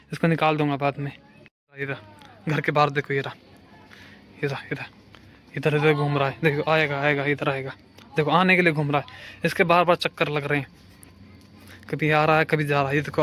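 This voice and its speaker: A young man talking to his viewers in a comic, deadpan village vlog while doing chores at home. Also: fairly high pitch. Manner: deadpan joking, addresses viewers as friends. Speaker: vlogger. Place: village home, outdoors while washing clothes.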